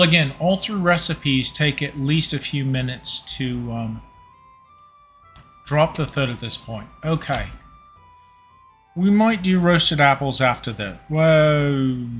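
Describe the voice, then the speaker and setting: A man's voice: mid-range voice, lively intonation, slow pace, pauses often, a bit bright, faint music behind. A tipsy man hosting a home cooking livestream, rambling casually and talking to his chat viewers. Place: home kitchen.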